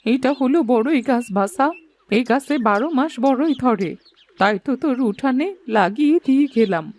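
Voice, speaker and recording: A woman voicing a gentle, magical old grandmother in a cartoon who speaks in an affectionate, folksy village way. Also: high voice, lively intonation, moderate pace. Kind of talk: cartoon voice acting.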